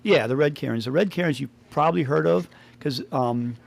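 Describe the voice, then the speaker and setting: A man's voice: a little high, fairly quick, creaky. A man co-hosting a podcast in casual chat, rambling, laughing often and trailing off mid-sentence. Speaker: podcast co-host.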